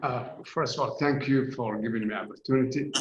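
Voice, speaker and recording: A man from Somalia, a community leader giving earnest, halting remarks full of uh fillers on a video call. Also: medium pitch. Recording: roomy, dull, noisy video call.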